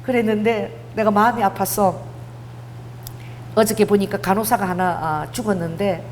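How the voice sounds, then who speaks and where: Her voice mid-range and a little mellow, a middle-aged woman pastor tells personal stories in a conversational sermon, acting out dialogue and mixing casual and polite speech. It's recorded in a church prayer hall with long reverb and a faint hum.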